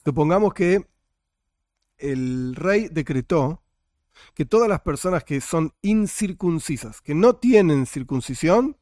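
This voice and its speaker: A man's voice: on the high side, expressive, slow, darkish tone, dry recording, clean studio sound. A man teaching a religion class, full of rhetorical questions and jokey asides. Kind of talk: classroom lecture.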